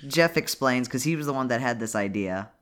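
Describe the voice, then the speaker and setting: A man's voice: mid-range voice, animated, a little fast, fairly bright tone, clean tone. A man hosting a casual, jokey, sweary podcast, recorded indoors in an uncarpeted log cabin. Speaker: podcast host. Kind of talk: casual, joking podcast chat. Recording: slightly echoey wooden cabin room.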